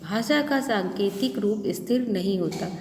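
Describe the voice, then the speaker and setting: A woman's voice: mid-range voice, expressive, a little mellow. A woman teacher with a Lucknow Hindi accent explaining a lesson, asking questions and answering them herself. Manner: explains slowly, asks and answers her own questions. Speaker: schoolteacher. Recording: echoey room with faint ambient noise.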